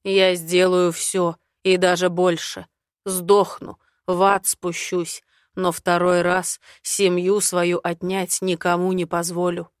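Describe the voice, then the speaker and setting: A woman voicing a grave, forceful man. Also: lowish voice, completely flat delivery, takes it slowly, no echo, studio quality. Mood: vowing. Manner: firm, forceful, vowing. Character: stern, powerful man, grave and protective. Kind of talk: audiobook reading.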